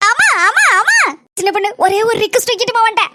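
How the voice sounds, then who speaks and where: A shrill scheming mother-in-law. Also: very animated, heavy background noise. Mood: pleading. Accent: Kanyakumari Tamil. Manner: shrill, rapid, repeats words insistently. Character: scheming middle-aged mother-in-law, defensive and pleading. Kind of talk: cartoon voice acting.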